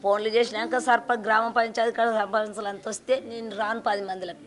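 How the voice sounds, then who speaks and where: A woman's voice: fairly high pitch, level tone, fast talker. An older woman with a Telangana Telugu accent, grief-stricken, lamenting and repeating herself as she tells of losing her daughter. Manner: lamenting, repeats phrases, sobbing laughs. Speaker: victim's mother. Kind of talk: grieving interview.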